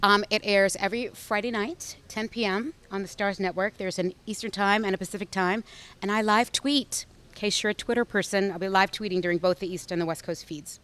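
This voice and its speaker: A woman's voice: medium pitch, steady tone, brisk, a bit bright, smooth. A woman, an actress being interviewed, talking in a bubbly, effusive way and often restarting her sentences. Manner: bubbly, effusive, self-correcting. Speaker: actress guest. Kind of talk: casual interview chat.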